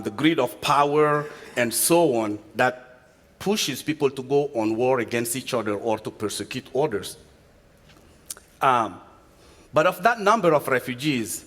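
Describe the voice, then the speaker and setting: Man from Chad preaching in a reverberant church. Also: medium pitch. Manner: earnest, measured delivery with frequent restarts and fillers. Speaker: guest preacher from a refugee agency. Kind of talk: sermon. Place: church sanctuary. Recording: long reverb from a church sanctuary.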